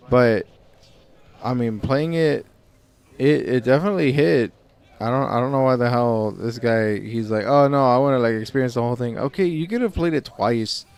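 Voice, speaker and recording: A man's voice: mid-range voice, darkish tone. Male stream host, casual reaction chat, rambling, swears, resonant voice. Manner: rambling, restarts, swears, exasperated.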